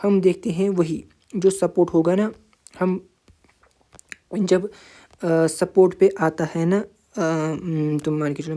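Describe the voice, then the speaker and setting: A man's voice: fairly high pitch, warm tone. A man giving a casual screen-share trading tutorial, talking informally and repetitively straight to the viewer, with many fillers.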